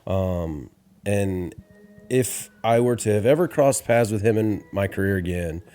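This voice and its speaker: A man in his forties from Georgia, a podcast guest telling stories in a rambling, animated way. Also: on the low side, a little slow. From Atlanta, Georgia. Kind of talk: casual storytelling.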